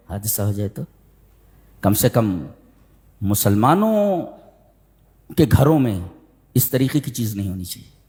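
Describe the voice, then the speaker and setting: A male Islamic scholar preaching a sermon, telling a story with rising emphasis and slowing down to recite scripture. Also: dark tone. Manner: emphatic storytelling, pitch climbing sharply when stressing a point. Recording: long echo of a large hall.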